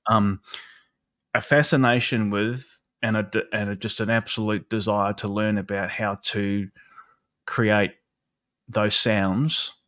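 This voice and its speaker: A New man hosts a live stream, chatting in a loose, rambling way full of fillers. His voice sits a little low, and the sound is dry and close. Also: flat delivery, slow, fairly bright tone, dry recording. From New Zealand. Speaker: livestream host. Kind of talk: casual chat.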